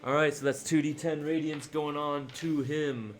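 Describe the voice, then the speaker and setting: A man's voice: on the high side, steady tone, normal speed. A man playing a tabletop game, chatting casually and thinking aloud about the rules. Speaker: player.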